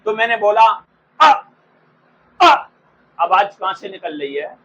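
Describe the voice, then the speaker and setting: A man teaching an exam-prep grammar lesson, repeating each term slowly for students to write down and calling them by fond names. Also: high-pitched, fairly bright tone, breathy edge, lo-fi sound. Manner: slow, repeats terms for dictation; addresses students fondly.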